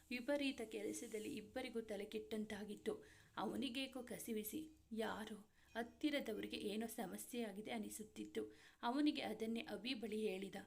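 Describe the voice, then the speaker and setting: A woman storyteller reading a serialized romance story aloud in steady, dramatic narration. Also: medium pitch, vocal fry.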